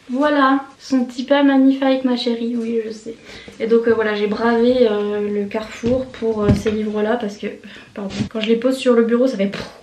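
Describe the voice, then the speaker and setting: A woman's voice: fairly high pitch, slight background noise. Chatty young woman in an echoey room. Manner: chatty, rambling, giggly, many fillers and restarts. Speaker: vlogger. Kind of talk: casual chat to camera. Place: at home at a desk.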